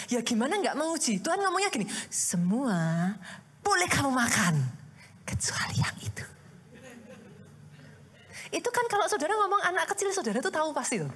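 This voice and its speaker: A woman pastor preaching a sermon in a lively, conversational way, full of rhetorical questions and direct address to the congregation. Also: high voice, very fast. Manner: addresses the congregation often as "Saudara".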